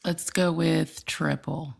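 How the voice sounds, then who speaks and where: A woman's voice: low-pitched, steady tone, takes it slowly, creaky, a little mellow, slightly rough. A woman in casual chat, bantering playfully.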